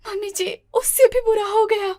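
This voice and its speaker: A woman's voice: very high-pitched, steady tone, normal speed, mellow, dry recording, studio quality, pitched above the performer's own voice. A woman voicing a timid, naive young daughter-in-law in a cartoon, stammering and pleading. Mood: wailing. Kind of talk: cartoon voice acting.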